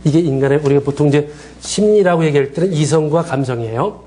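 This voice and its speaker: A middle-aged counseling lecturer speaks quickly in a fairly high voice, with soft music in the background. His lecture is lively: he asks the class questions and plays out short lines of quoted dialogue.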